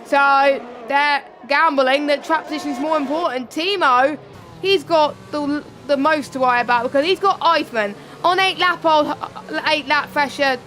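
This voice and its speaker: A woman's voice: high voice, normal speed, bright, forceful tone, slight background noise. A young woman co-commentating a sim racing league, talkative and analytical, often correcting herself.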